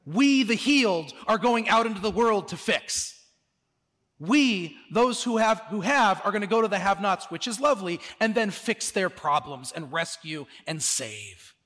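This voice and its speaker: Man, pastor, sermon, high voice, earnest, soft-to-insistent delivery, echoing church hall. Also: expressive. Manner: earnest, swings from soft and slow to loud and insistent.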